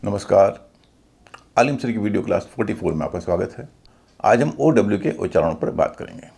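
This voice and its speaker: A man with an Indian accent teaching English pronunciation in a video lesson, spelling out letters slowly before saying each word. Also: lowish voice, gravelly, darkish tone, husky.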